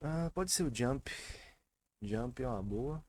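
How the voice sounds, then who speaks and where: A man's voice: medium pitch, lively intonation, slow, darkish tone. A man from Brazil teaching English pronunciation in a casual online lesson, chatty, often repeating sounds with emphasis.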